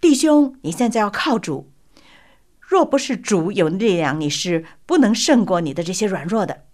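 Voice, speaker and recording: A woman voicing a fervent male pastor who prays and exhorts loudly. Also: mid-range voice, big pitch swings, moderate pace, voice pushed up.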